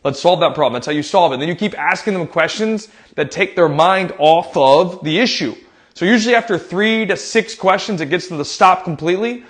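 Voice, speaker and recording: A man's voice: high-pitched, brisk. An American man, a youth soccer coach, giving casual advice and telling stories with lots of fillers and "right?" tags. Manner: animated storyteller who acts out his own loud quoted lines.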